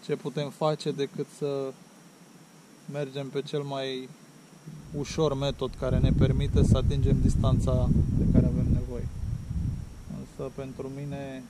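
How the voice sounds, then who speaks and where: A middle-aged man chatting casually while fishing on a lakeshore, recorded on an action camera. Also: medium pitch. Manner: chatty, excited exclamations when landing fish. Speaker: angler filming his fishing session. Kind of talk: casual outdoor commentary. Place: lakeshore outdoors, windy. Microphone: action camera on the bank. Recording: loud wind noise outdoors.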